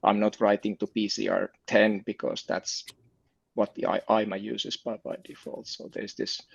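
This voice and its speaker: A man in a technical video call meeting. His call audio is choppy and glitchy, and he talks haltingly, repeating words as he thinks. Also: lowish voice, flat delivery, gravelly, husky, dry recording, muffled recording. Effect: choppy, glitchy call audio breaking up. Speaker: meeting participant.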